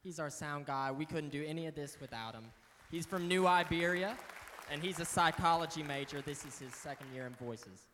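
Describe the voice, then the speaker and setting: A young man from Louisiana, a student choir member introducing himself and a crew member in a friendly, relaxed way. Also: a little high, moderate pace, background noise. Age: young adult. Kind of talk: introducing the group. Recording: reverberant hall with audience.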